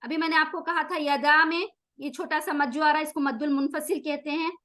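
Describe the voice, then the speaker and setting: A woman teaching Quran recitation rules, explaining each rule and then chanting the words slowly to show them. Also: high-pitched, steady tone, a bit bright. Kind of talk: tajweed lesson with slow recitation.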